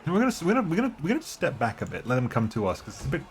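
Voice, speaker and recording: A man's voice: on the high side, wildly swooping pitch, very fast. A man giving casual, conversational commentary as he plays a video game.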